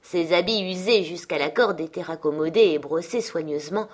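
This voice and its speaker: A woman narrating a classic story as an audiobook, with a lively, expressive reading. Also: fairly low pitch, normal speed. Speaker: audiobook reader.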